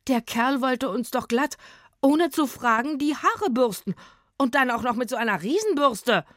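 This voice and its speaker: A woman voicing Rufus, an excitable child in a children's audio story who speaks with outrage. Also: on the low side, moderate pace, no echo, clean studio sound, natural voice. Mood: outraged.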